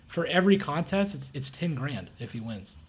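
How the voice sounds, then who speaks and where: A man's voice: a little high, sing-song, moderate pace. A young man co-hosting a podcast, joking and crude in casual banter. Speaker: podcast co-host. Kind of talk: casual chat.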